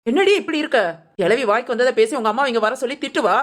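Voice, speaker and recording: Fast-talking at a mid-range pitch with only light acting, a performer gives voice to a bossy young cartoon woman in a family drama. She's blunt and scornful as she issues orders to her friend.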